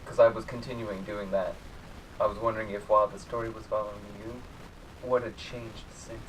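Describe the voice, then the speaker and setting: A man's voice: lowish voice, little pitch movement, a little fast, a bit bright. A man chatting casually as a player in a tabletop role-playing game. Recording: distant mic with faint noise.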